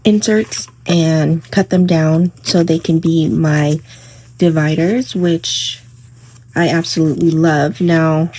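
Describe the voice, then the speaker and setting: A woman with a husky, breathy voice that is still hoarse from just waking up. She speaks slowly and casually, wandering through her thoughts with frequent fillers as she vlogs from home. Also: low voice. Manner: relaxed, rambling with many fillers. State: morning voice, a bit hoarse. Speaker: planner vlogger. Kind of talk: casual crafting vlog. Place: home, indoors.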